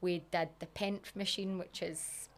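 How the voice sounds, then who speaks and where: A Scottish woman co-hosting a podcast, telling a story in a casual, animated way and swearing freely. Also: fairly low pitch, measured pace. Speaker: podcast co-host. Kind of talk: casual chat.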